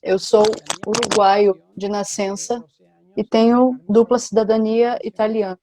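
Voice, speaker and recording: A woman giving a simultaneous interpretation at a panel, with a steady, measured delivery. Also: medium pitch.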